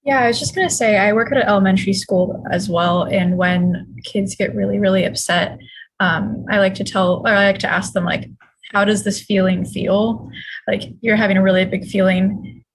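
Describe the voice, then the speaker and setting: A woman working at an elementary school speaks up in an online workshop over a video call. Her voice is mid-pitched and slightly breathy, and she talks in a calm, measured way. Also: rough recording. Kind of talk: sharing experience in discussion.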